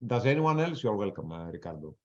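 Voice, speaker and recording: His lowish, darkish voice is very animated and a little fast as he comments live on trades and fields audience questions. The webinar presenter has a non-native English accent, talks bluntly and casually, and cusses freely, all in dull lo-fi audio.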